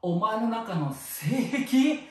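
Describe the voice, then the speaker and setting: A man talking as a spiritual counselor in a casual solo monologue, playful and jokey, tacking catchphrases onto his lines and swinging between loud bursts and soft asides. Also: sits high, very animated, drawn-out words, recorded from a distance. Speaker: spiritual counselor and channel host. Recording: very echoey room, voice from off mic.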